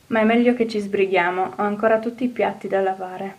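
Anxious young housemaid, exclaiming and fretful, played by a woman narrator, warm mellow voice. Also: mid-range voice, fairly even intonation, a little fast, lightly acted. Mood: flustered. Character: flustered young housemaid, kind but anxious. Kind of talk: audiobook character voice.

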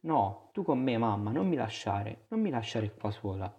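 A man's voice: on the low side, sing-song, moderate pace, darkish tone. A man reading a story aloud and voicing a crying young woman who pleads with her mother. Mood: pleading.

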